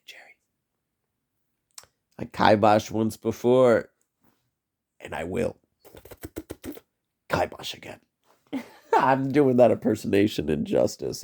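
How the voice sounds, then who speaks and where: A man's voice: fairly low pitch, big pitch swings, unhurried, creaky, long pauses, darkish tone. A man giving a rambling, profane solo vlog monologue, trailing off on tangents and tagging "man" onto his sentences. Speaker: vlogger.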